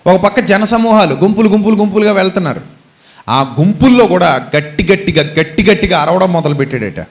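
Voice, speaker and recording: A man preaching a sermon with a Telugu accent, telling a Bible story dramatically and switching between loud cries and low speech. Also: animated, fairly quick. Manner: dramatic storytelling, shouts out the beggar's cries, then drops low. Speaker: pastor.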